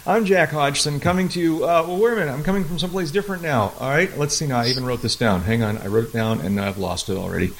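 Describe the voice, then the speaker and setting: A man's voice: on the high side, vocal fry, a bit bright, a little hiss or hum. A middle-aged man hosting a casual, rambling podcast, often interrupting himself, speaking from inside a mostly empty room that sounds echoey. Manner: halting, self-interrupting delivery. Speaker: podcast host.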